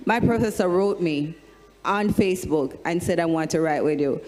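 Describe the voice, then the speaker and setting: A Jamaican woman, a singer on a discussion panel, telling animated stories and breaking into sung lines. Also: on the low side, normal speed. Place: large hall with an audience. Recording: long hall reverb.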